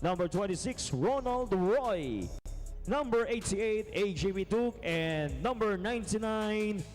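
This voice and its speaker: A man calling player introductions in an indoor arena, stretching out the names in a booming way over the public address system. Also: lively intonation, a little mellow, soft background music. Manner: drawn-out, booming name calls. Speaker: arena announcer.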